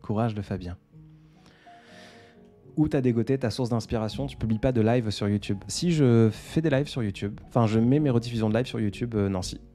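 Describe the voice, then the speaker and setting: Soft-spoken man hosting a livestream. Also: mid-range voice, fairly quick, soft background music. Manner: soft-spoken, laughs often, reads out comments. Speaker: livestream host. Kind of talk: casual livestream chat reading comments.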